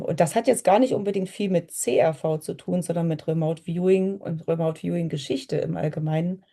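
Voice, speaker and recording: Low, very mellow woman explaining informally. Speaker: co-presenter.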